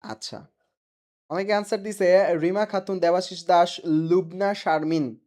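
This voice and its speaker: A man's voice: high voice, steady tone, unhurried, darkish tone. A man with a Bangladeshi Bengali accent teaching a live online class, repeating each question and its answer and reading students' names from the comments.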